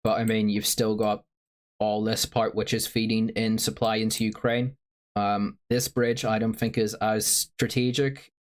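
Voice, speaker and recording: Man, low-pitched, sore throat, rambling livestream talk, lots of fillers. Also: level tone, a little slow. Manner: rambling, filler-heavy, reads viewer chat. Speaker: stream host. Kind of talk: casual livestream commentary.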